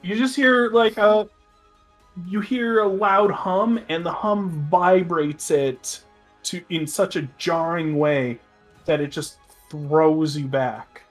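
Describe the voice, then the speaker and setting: A man narrating a tabletop fantasy game as game master, halting and restarting his phrases as he describes. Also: sits high, soft background music.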